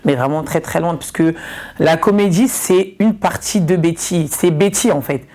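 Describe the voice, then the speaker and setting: A woman's voice: fairly low pitch, normal speed, mellow. A woman from Ivory Coast, a comedian and influencer, chatting casually in an interview and repeating words for emphasis.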